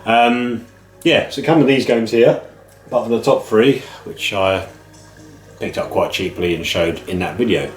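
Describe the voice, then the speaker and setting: Middle-aged British male vlogger, lowish and a bit nasal with man flu, informal rambling chat, very roomy sound. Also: measured pace. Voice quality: slightly nasal, bunged up with a cold. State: man flu, a head cold. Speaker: host of a video game pick-ups channel. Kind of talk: casual chat to camera. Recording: roomy echo, music underneath. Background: music.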